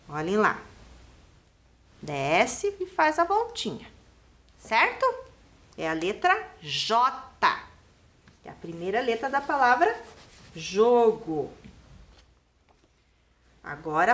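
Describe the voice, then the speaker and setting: On an educational TV lesson set in a studio classroom, a primary school teacher guides young children step by step, asking them questions. Her voice is on the high side and a bit bright, and she speaks slowly in a sing-song way to the kids at home.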